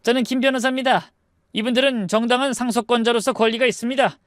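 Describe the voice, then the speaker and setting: A man's voice: very high voice, steady tone, fast talker, no room sound, clean studio sound, voice pushed up. A man voicing a formal lawyer who asserts inheritance rights. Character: formal lawyer for the greedy brothers.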